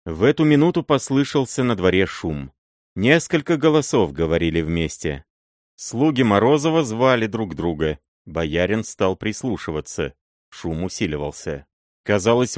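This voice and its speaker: Мужчина, размеренно и драматично читающий вслух исторический роман. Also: male voice, low-pitched, animated, no room sound, clean studio sound. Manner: measured, dramatic reading. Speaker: audiobook reader. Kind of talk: literary audiobook narration.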